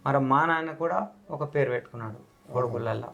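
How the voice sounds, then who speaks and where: A middle-aged man from Telangana, a folk singer with a Telangana Telugu accent, speaking humbly and quickly and singing devotional verses slowly. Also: vocal fry, fairly bright tone. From Telangana, India. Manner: rapid and humble, singing slow and high. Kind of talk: village interview chat, then devotional folk song.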